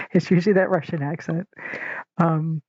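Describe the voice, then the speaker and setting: A mid-range voice, recorded dry with no echo on dull lo-fi home equipment, hosts a solo podcast episode. The host, from the northern United States, is casual and candid, rambling with fillers and restarts and chuckling often.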